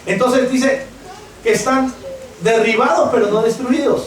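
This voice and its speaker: At a measured pace, a Peruvian pastor delivers an impassioned sermon, his voice fairly high for a man as he performs quoted voices. The distant mic in the church hall catches a heavy echo, with a faint hum of the room beneath.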